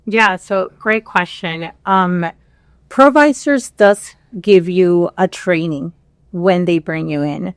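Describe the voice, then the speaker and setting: A woman from Peru who moved to the US as a child, talking as a podcast guest in a measured way, pausing often with fillers. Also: lowish voice, clean tone, no echo, studio quality. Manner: measured, with frequent pauses and fillers. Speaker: podcast guest, regional director. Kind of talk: interview conversation.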